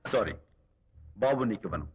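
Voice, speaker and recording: A man's voice: on the low side, moderate pace, breathy edge. An actor playing a playful, good-hearted young man who teases his friends in comic film dialogue. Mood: teasing. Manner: teasing, lively. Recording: dull film audio with music.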